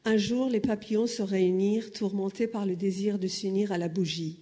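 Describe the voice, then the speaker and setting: A woman's voice: mid-range voice, fairly even intonation, moderate pace, dark tone, a little hiss or hum. A woman from Iran, a native Persian speaker, explaining points at a panel, with frequent hesitations and filler sounds.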